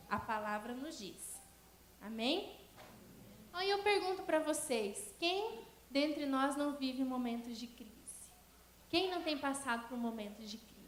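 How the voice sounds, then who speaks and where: A woman's voice: high voice, reverberant. A Brazilian woman giving a sermon in a church and telling a personal testimony to the congregation. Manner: storytelling testimony, addresses the congregation. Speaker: preacher.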